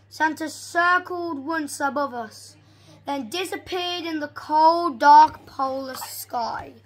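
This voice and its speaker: A young reader reading a storybook aloud haltingly, stumbling over and repeating words. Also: high voice, bright, forceful tone.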